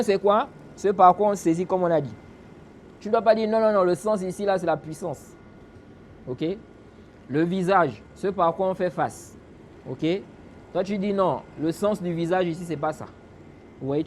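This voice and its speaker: A man's voice: high voice, darkish tone, slight background noise. A man giving a religious lesson in French. He explains a classical text, keeps asking rhetorical questions and answering them himself, and recites Arabic phrases along the way. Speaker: religious teacher.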